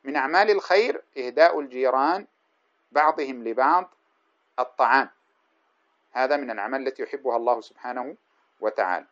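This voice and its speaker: Male religious teacher, quick explanatory lecturing, self-correcting; dull lo-fi recording. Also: mid-range voice, a bit bright. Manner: explanatory, pauses and corrects himself mid-sentence. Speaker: Islamic scholar teaching hadith.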